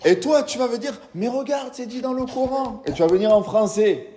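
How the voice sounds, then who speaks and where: In a reverberant hall, an imam lectures a live audience on religion, explaining patiently, questioning the room, and reciting Quranic Arabic. His voice is extremely high-pitched yet mellow, expressive and brisk.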